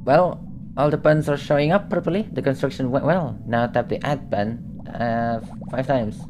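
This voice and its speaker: A chatty, posh seagull guide, as a man puts him on while reading game text aloud. He walks the player through each step in a light, airy tone. Game music plays clearly underneath. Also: mid-range voice, moderate pace, natural voice. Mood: cheery. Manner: posh, chatty tutorial narration.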